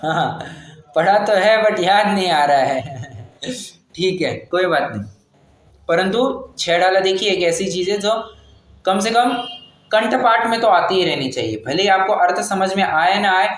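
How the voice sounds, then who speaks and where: A man with a fairly high voice leads a scripture class, patiently walking listeners through pronunciation and chanting verses slowly. He sounds like he is in an echoey room. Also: lively intonation, a bit bright. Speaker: scripture teacher.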